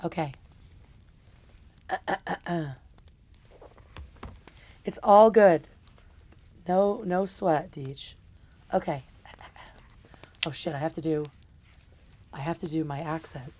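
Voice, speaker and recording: A woman's voice: low voice, takes it slowly, long pauses, dark tone. A young adult woman hosting a livestream and chatting casually in a loose, rambling way. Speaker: livestream host.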